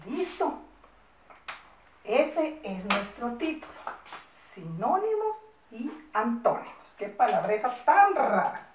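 Patient teacher dictating slowly. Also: female voice, a little high, big pitch swings, far from the mic, a little hiss or hum. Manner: patient dictation, lots of diminutives, coaxing questions. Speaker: primary school teacher. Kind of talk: recorded class for young children. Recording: echoey room, mic set back.

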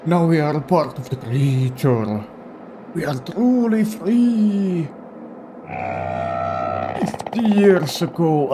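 A man voicing an old grandfather bound to a monstrous creature, speaking slowly and solemnly. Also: on the high side, background noise. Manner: slow, solemn old-man voice reading game dialogue.

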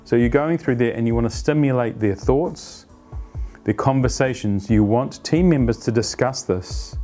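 A man in his fifties explaining a team planning practice to camera as an agile coach, conversational and animated, on a lapel mic in a plain studio. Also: medium pitch, moderate pace, faint music behind. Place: plain studio against a light wall.

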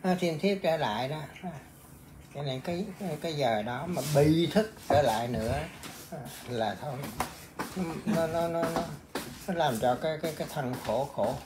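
Halting Vietnamese monk chatting. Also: male voice, a little high, noisy background. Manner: halting, many filler words and restarts. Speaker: Buddhist monk. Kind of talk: casual chat.

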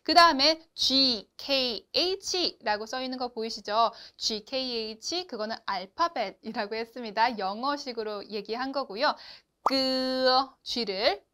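A woman teaching a beginners' Chinese lesson, explaining clearly and asking the learners to repeat after her. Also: on the high side, bright, forceful tone. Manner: slow, clear instruction with drawn-out model syllables; addresses learners directly and asks them to repeat. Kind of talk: online lesson.

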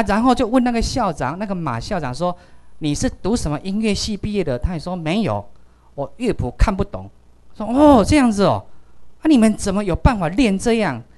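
A man with a Taiwanese accent telling a story at a seminar, acting out quoted dialogue in lively voices and switching into Taiwanese Hokkien. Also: on the high side. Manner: animated, acts out quoted dialogue. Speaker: speaker at a seminar. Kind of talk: storytelling talk.

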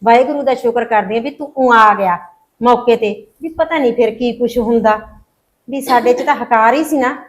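A woman playing a quick, apologetic mother-in-law, Punjabi accent, slightly high. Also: slight background noise, close to an everyday voice. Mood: regretful. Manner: apologetic, pleading. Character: remorseful mother-in-law, middle-aged woman. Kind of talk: Punjabi short film acting.

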